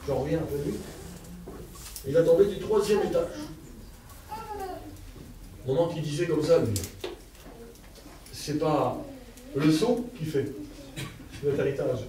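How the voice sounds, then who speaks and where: A man's voice: a little high, a little slow, long pauses, dark tone. A man preaching a heartfelt testimony sermon at a church service, with a stammer and simple, fervent speech. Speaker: lay preacher. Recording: distant echoey church hall sound.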